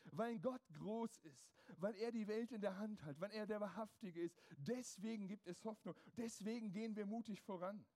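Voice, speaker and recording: A man's voice: on the high side, mellow. A man preaching a sermon to his congregation, emphatic and driving his points home with strings of rhetorical questions.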